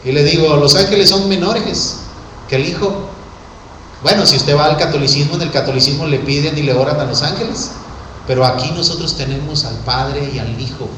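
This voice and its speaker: A preacher delivers an impassioned sermon, dropping to hushed words and then rising to shouts. His voice is sharp, bright and slightly high. It rings through a very echoey church hall, with faint noise beneath it. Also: a little fast. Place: church sanctuary.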